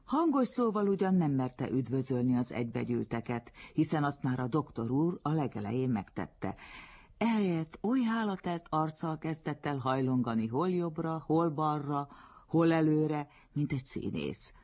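A man reading a literary story aloud in an expressive storytelling manner, on a dull lo-fi recording. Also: medium pitch. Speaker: narrator. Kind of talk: literary audiobook narration.

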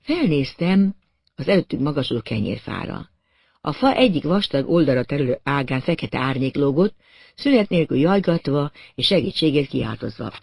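A man narrating a first-person detective story in an expressive, wry audiobook reading. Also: on the high side, gravelly, breathy edge, no room sound.

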